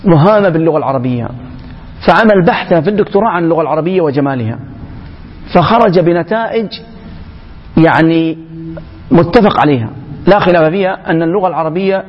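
A man giving an emphatic public lecture to young people, often pausing and restarting mid-phrase. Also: fairly high pitch. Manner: emphatic, halting, with frequent restarts. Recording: echoey hall, dull lo-fi sound.

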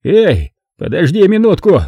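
A man's voice: high voice, wildly swooping pitch, measured pace, warm tone, slightly rough, no echo, voice pushed up, heavily acted. A male audiobook reader voicing a drunk, bitter man who slurs and sneers sarcastically. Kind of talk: audiobook character voice.

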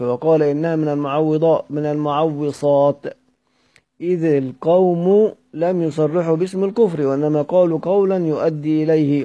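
A man teaching from a classical book, reading it aloud in a measured way and going back to repeat or correct words. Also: on the high side, mellow. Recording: dull lo-fi recording.

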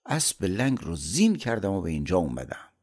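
A man voicing a clever, cheerful young male traveler who speaks calmly and confidently. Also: deep voice.

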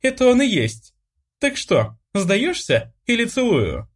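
A man voicing an excitable, bossy teenage sister. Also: slow, heavily acted. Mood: teasing. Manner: high, breathy, excitable. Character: teasing, bold teenage sister, playful and bossy. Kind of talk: audiobook character voice.

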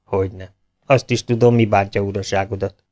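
A man's voice: fairly low pitch, fairly even intonation, warm tone, lo-fi sound, lightly acted. A man voicing a sly, red-faced schemer in a jockey cap who talks confidingly and conspiratorially.

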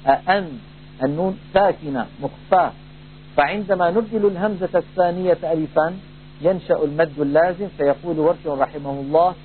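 A man teaching a Quran recitation lesson, explaining rules in a measured way and slowly drawing out recited examples. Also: on the high side. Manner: measured, drawn-out demonstrations of recited words. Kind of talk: tajwid lesson with demonstrated recitation. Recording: tinny phone-like band, faint hum.

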